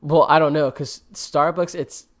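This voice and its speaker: A man's voice: a little high, level tone, a little slow. A man co-hosting a podcast in casual chat, rambling with lots of fillers and jokes. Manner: rambling, filler-heavy, jokey. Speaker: podcast co-host.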